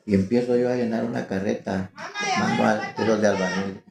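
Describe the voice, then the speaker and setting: A man's voice: on the low side, steady tone, normal speed, gravelly, echoey room, loud music behind the voice. A man with a Guatemalan accent giving a fervent testimony sermon to a congregation, telling his story with passion. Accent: Guatemalan Spanish. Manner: fervent, storytelling, building to impassioned pleading.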